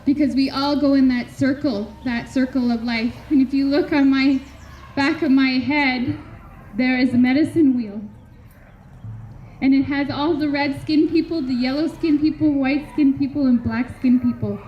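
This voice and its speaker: At a community memorial gathering, a woman from Canada gives an earnest, heartfelt speech, pausing deliberately between phrases as she speaks slowly. She has a high pitch and holds a steady tone. Faint background noise sits under this dull, lo-fi recording.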